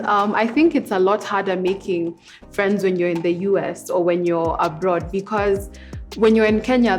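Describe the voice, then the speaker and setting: A woman's voice: medium pitch, a little mellow. A woman of twenty-one, a guest in a casual chat, speaking earnestly and putting weight on key points. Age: 20s.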